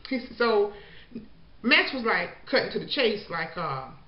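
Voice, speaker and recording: A woman's voice: medium pitch, very animated, measured pace. A woman recapping a show in a casual, chatty way, full of "you know" and "like," and slipping into the voices of the people she quotes. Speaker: show reviewer. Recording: echoey, dull lo-fi room sound.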